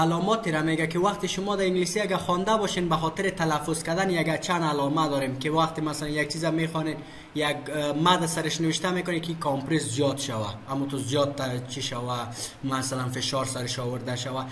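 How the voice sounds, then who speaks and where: A man's voice: on the high side, a bit bright, slight background noise. A man giving a screen-recorded computer lesson, asking questions and answering them himself. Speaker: computer teacher. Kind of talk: screen-recorded software tutorial.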